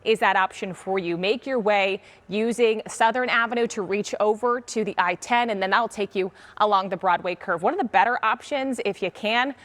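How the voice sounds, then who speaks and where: A woman's voice: mid-range voice, normal speed, few pauses, a bit bright. An American woman giving a live television traffic report as the station's traffic reporter. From Arizona, US.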